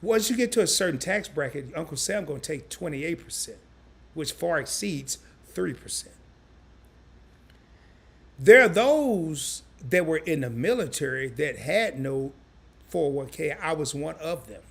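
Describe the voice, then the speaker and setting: A man hosting a casual live stream, animated and chatty, reading viewer comments aloud in loose slang. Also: fairly high pitch, unhurried, gravelly, husky. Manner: animated, chatty, repeats himself.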